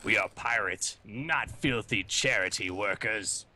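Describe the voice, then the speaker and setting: Surly pirate woman voiced by a man, gruff and scornful. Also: fairly low pitch, unhurried, sharp tone, voice pushed down, full character voice. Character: surly, proud female pirate. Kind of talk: let's play voice reading.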